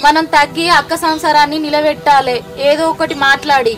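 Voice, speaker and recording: A woman's voice: high voice, flat delivery, brisk, close to an everyday voice. An actress with a Telangana Telugu accent playing a grieving, worried middle-aged village mother who laments and pleads through tears. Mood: pleading. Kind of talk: family drama acting. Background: background music.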